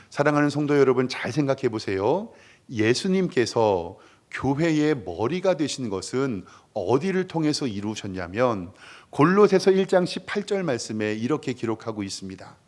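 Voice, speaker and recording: A male pastor preaching a sermon in a church, stressing words with rising emphasis and letting phrase endings drop away. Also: medium pitch. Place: church sanctuary.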